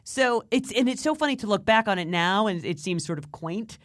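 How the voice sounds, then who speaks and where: A woman co-hosting a horror movie podcast, chatting casually with lots of restarts and animated swings. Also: medium pitch, fairly quick, no echo, studio quality. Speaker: podcast co-host. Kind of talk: casual chat.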